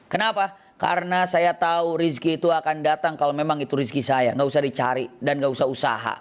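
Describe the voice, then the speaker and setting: A male preacher telling a story in a sermon, acting out the characters' lines with lively shifts. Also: a little high, a little fast.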